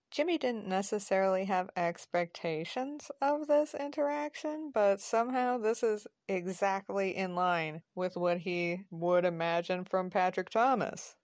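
A woman narrates a scripted audio drama in a calm, measured way. She reads slowly in a mid-range voice. The sound is dry and close, with no room echo. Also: medium pitch.

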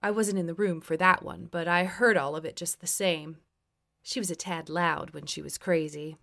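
A woman's voice: fairly low pitch, fairly even intonation, normal speed, gravelly, a bit bright. A woman reading her own memoir aloud as an audiobook, wry and blunt. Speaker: memoir narrator.

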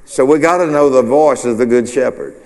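A man's voice: medium pitch, fairly quick, a little mellow. A man preaching an informal, chatty midweek sermon, full of restarts and questions to the congregation. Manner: conversational, rambling with restarts and call-and-response. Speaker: pastor. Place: church sanctuary. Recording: long hall reverb.

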